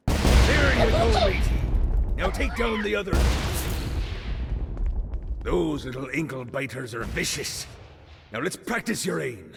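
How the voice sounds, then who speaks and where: A man's voice: fairly high pitch, very animated, unhurried, creaky, pauses often, heavy background noise, exaggerated voice. A man voicing a boastful pirate captain in hell who growls and calls everyone matey, in video game dialogue. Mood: swaggering. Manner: theatrical pirate talk, calls listener matey. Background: game music.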